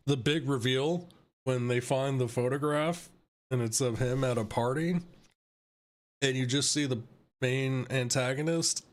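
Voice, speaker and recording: A young man chatting on a live stream in a middle-pitched voice. He swears constantly and laughs often as he mocks what he is talking about. His delivery is loose and conversational. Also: measured pace, pauses often. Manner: profane, laughing, mocking. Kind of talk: casual chat.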